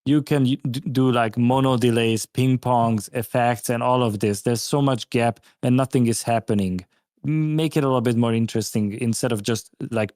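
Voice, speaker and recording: A man's voice: medium pitch, darkish tone, dry recording, clean studio sound. Blunt man giving track feedback. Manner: direct, critical feedback with "like" fillers. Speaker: guest music producer. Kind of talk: live stream track review.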